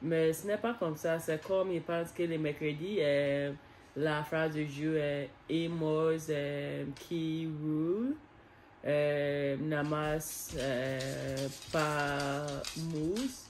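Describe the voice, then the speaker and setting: A woman vlogger with an English accent and English as her first language, talking in a casual daily vlog and often pausing to search for words. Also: low voice, fairly even intonation, a little mellow, slight background noise. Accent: English-speaking. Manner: hesitant, searching for words with many pauses. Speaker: vlogger learning French. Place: outdoors on a foggy day.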